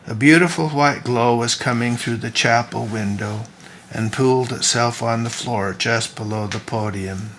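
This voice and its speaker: A man, the author, reading his own novel aloud as storybook narration at an unhurried, gentle pace. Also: mid-range voice, a little hiss or hum.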